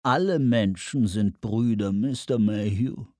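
A man voicing an oily, menacing male villain who speaks slowly and smoothly. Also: fairly low pitch, dark tone, no echo, studio quality. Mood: oily menace. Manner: slow, smooth and sinister.

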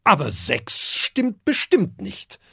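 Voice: mid-range voice, huge pitch swings, slow, gravelly, pushed and bright, breathy edge, no echo, studio quality, voice pushed up, heavily acted. A reader voicing a young, shy and slightly sad dragon in a children's story, talking in a grumbling, hesitant way. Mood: grumbly.

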